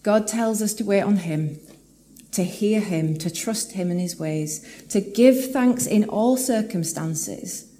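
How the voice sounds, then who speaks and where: A woman preaching a sermon in a church, earnest and reflective, slowing down to read scripture aloud. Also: mid-range voice, mellow, slight background noise. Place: church hall with live audience.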